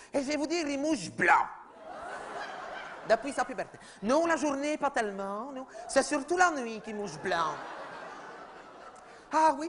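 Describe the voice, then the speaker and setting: Heavily acted, this comedy sketch has a man using a very high, slightly bright voice, with a little hiss or hum, to play a chatty, oblivious middle-aged mother. She rambles, gossips, repeats "oui, oui" and talks over others.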